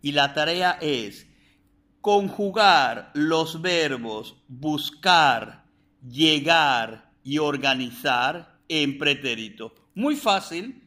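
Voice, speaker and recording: A man with a fairly high voice gives a recorded video lesson. He speaks slowly and carefully, repeating each word form so students can follow. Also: expressive, bright, forceful tone. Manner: slow, spells out and repeats verb forms. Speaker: Spanish teacher.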